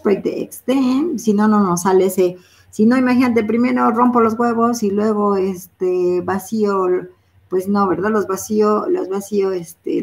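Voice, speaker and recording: Gravelly-voiced woman teaching English. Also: mid-range voice, a little mellow. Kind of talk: bilingual classroom explanation.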